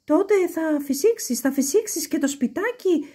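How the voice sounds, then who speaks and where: A woman voicing an anxious little pig, worried and high-pitched. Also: animated, dark tone.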